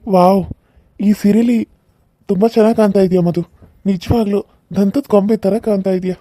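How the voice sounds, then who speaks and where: A man's voice: sits high, fairly even intonation, moderate pace, no room sound. A man voicing a kind young husband in a cartoon serial, speaking earnestly. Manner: earnest, gently persuasive.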